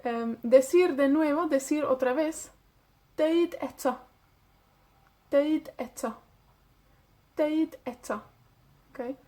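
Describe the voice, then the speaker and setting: A woman from Wales with a Welsh accent, teaching a beginners' language lesson and repeating phrases slowly so learners can say them back. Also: high voice, darkish tone.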